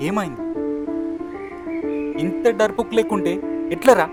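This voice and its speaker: A man's voice: high voice, unhurried, over loud music. A young man playing a frustrated jobseeker who doubts himself after failing an interview. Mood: self-reproach. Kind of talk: short film acting.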